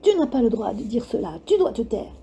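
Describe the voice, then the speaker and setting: A woman voicing a terrified young boy in a storybook reading, who shouts out in desperation. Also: fairly high pitch, big pitch swings, fairly quick, creaky, slight background noise. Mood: furious.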